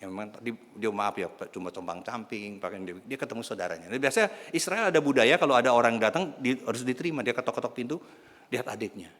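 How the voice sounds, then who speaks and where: Brief: male pastor, lively sermon storyteller, mid-pitched, long church reverb. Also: quick pace. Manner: animated, addresses congregation as brothers and sisters.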